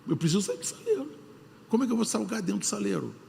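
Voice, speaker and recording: A man with a Brazilian Portuguese accent, a pastor preaching a sermon in a church hall, repeating phrases for emphasis and swinging between loud and hushed delivery. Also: high voice, very animated, rapid-fire, creaky, slight background noise. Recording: long hall reverb.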